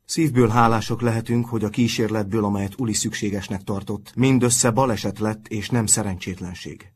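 A man's voice: on the low side, fairly even intonation, darkish tone, a little hiss or hum, close to an everyday voice. A man voicing a wry boarding-school teacher giving a firm speech to his pupils in a storybook reading. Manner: addressing a group, firm.

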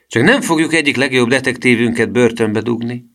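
A man's voice: low voice, big pitch swings, a bit bright, exaggerated voice. A man voicing a kindly, good-humoured middle-aged police inspector in a storybook reading. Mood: jovial.

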